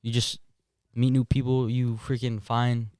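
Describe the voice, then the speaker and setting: A man's voice: mid-range voice, monotone, unhurried, dark tone, clean tone, no echo, clean studio sound. A man who is a Marine veteran and a podcast guest, talking casually in an earnest, reflective way. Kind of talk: casual chat.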